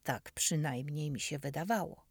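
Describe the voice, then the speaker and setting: A woman narrating a children's story in the first person, expressive, sometimes dropping into soft whispers. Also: deep voice, normal speed, gravelly, husky, no room sound, clean studio sound.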